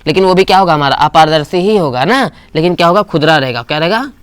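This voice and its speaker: A man's voice: a little high, expressive, fast talker, clear, resonant tone, no room sound. Guy teaching physics to a class, keeps asking them questions, dry close sound. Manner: call-and-response questioning. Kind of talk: classroom lecture.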